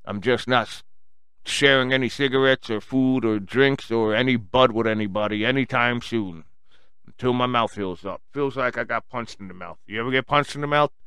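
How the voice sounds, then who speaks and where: Speaking as a solo podcast host, this man from Long Island, New York, with a strong accent, rambles casually and bluntly at his listeners, swearing and using slang. His mid-range voice moves at normal speed and sounds fairly bright, clear and resonant. The recording is dry.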